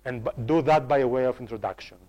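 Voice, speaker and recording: The lo-fi audio captures a man with a medium-pitched, slightly mellow voice talking fast in a live workshop for staff on online course design. He repeatedly restarts and repeats words while explaining, and he checks in with listeners through direct questions.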